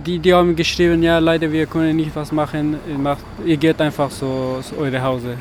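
An asylum-seeking protester from Afghanistan speaks hesitant, broken German full of fillers in a street interview on a city street. His voice is on the high side, level in tone and a little fast. Faint traffic noise can be heard outdoors.

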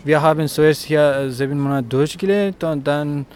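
A man from Afghanistan, a protester speaking in halting, broken German with many pauses. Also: on the high side, a little mellow. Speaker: asylum-seeking protester. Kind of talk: street interview. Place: outdoors in a city street. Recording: faint traffic noise outdoors.

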